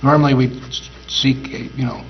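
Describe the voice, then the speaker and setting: A man chairing a school board meeting, speaking haltingly with many uhs. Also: mid-range voice, fairly even intonation, gravelly. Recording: dull audio with audible mains hum.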